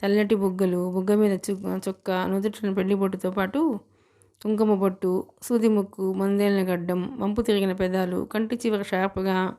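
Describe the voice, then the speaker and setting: A woman narrating a novel as an audiobook, in a plain, even storytelling voice. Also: medium pitch, moderate pace. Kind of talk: scripted narration.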